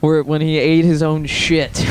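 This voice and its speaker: A man's voice: fairly high pitch, level tone, measured pace, clean tone, low-quality recording. A young man co-hosting a podcast in casual chat, wry and teasing, laughing easily. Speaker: podcast co-host.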